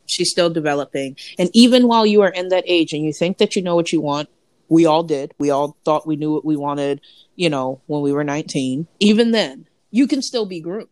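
Low-voiced woman, measured and thoughtful in casual talk, dry close sound. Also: darkish tone, no room sound. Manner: thoughtful, measured, hedging with ums. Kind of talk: casual chat.

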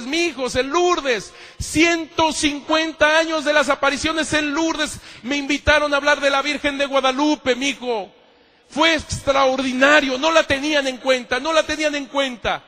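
A man's voice: very high-pitched, fairly bright tone. A man, a priest telling stories in a sermon. He repeats phrases for emphasis and calls his listeners "mijos". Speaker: priest giving a talk. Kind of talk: lively sermon with anecdotes. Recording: long hall reverb.

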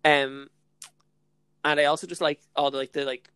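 A woman's voice: low-pitched, flat delivery, normal speed, fairly bright tone, clean tone, no room sound. A young Irish woman co-hosting a podcast, chatting casually in a bubbly, gushing way peppered with filler slang. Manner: bubbly, gushing, heavy use of "like" and "literally". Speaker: podcast co-host. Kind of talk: casual chat.

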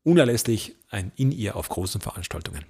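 A man teaching voice technique as an event host, in an emphatic way, slowing down to stress key points. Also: lowish voice, sing-song, darkish tone, breathy edge. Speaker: event host and speaking coach. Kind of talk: instructional talk on voice technique.

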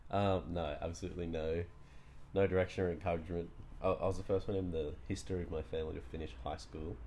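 A man's voice: low voice, little pitch movement, fast, mellow, slight background noise. A man in his early thirties talking casually as a podcast guest and laughing as he speaks. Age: 30s. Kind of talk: casual chat.

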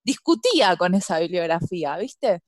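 A woman's voice: fairly low pitch, sing-song, normal speed, no echo, studio quality. A woman with a Rioplatense Spanish accent in playful comic role-play chat, giggly and stubborn.

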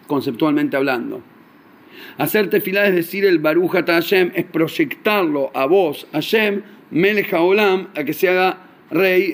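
Animated Rioplatense man telling a story. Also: a little high. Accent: Rioplatense Spanish. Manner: animated, acting out characters in the story. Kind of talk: storytelling sermon.

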